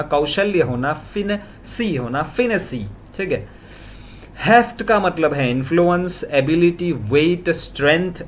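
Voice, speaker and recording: A man teaching English vocabulary in a brisk Hinglish lesson, reeling off quick lists of synonyms. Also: on the high side, slight background noise.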